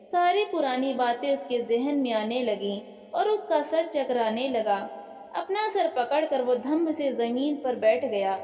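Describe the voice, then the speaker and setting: A woman narrating an emotional family story in a measured, expressive way, recorded in an echoey room. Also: high-pitched, soft background music. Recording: echoey room with long reverb.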